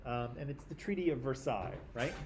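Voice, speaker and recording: A man's voice: mid-range voice, lively intonation, a little fast, darkish tone, slight background noise. A man teaching a history class in a classroom, talking conversationally and often checking in with "right?".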